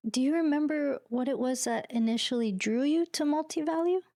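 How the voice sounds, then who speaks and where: A woman's voice: sits high, brisk, darkish tone. A woman hosting a podcast interview, friendly and upbeat, introducing and questioning her guest. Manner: friendly, upbeat, laughs often. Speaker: podcast host.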